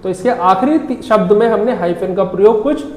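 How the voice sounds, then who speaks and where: A woman teaching an English grammar lesson in Hindi, explaining each rule slowly and carefully with examples. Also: mid-range voice, darkish tone. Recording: roomy echo.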